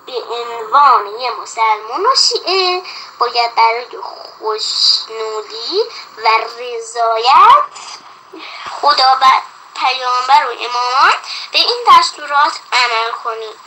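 A child voicing a kind mother who teaches her young daughter, reading it aloud in a gentle, instructive tone as part of a children's story. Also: high-pitched, noisy background.

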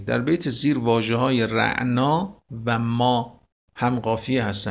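Gravelly-voiced man teaching poetry rules. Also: mid-range voice, a bit bright. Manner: asks questions then answers them himself, praising the unseen students; recites verses slowly and with weight. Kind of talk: explaining Persian poetry rhyme to students.

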